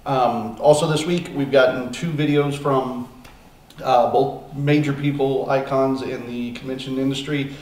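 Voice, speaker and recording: A man's voice: medium pitch, fairly even intonation, a little slow, a little mellow. A man hosting a podcast in casual chat, rambling with plenty of ums and uhs. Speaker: podcast host. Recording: echoey room, distant mic, faint noise.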